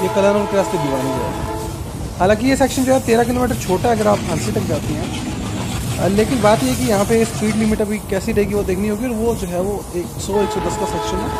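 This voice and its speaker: A man giving live, brisk commentary on a train journey, full of times and train details, filmed on a phone aboard the train and on a railway platform outdoors. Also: high voice. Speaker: train travel vlogger. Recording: loud train and outdoor noise.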